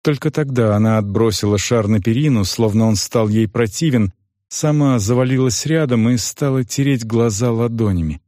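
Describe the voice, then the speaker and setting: Studio-quality and echo-free, this clip features a male narrator reading a fantasy audiobook script. His mid-range voice carries the tale with measured, expressive storytelling.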